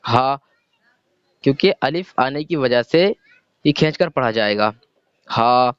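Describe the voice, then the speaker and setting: A man's voice: medium pitch, expressive, smooth, dry recording. Patient man teaching letter by letter. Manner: patient, spells letters and asks rhetorical questions. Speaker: Urdu reading teacher. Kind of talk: slow step-by-step reading lesson. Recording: dull lo-fi sound.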